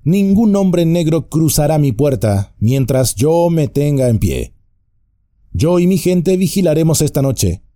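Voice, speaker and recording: A man's voice: on the high side, big pitch swings, measured pace, dark tone, no echo, clean studio sound, voice pushed up. A man voicing a nervous, fussy, stout male innkeeper who talks anxiously and at length. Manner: flustered, anxious, talkative.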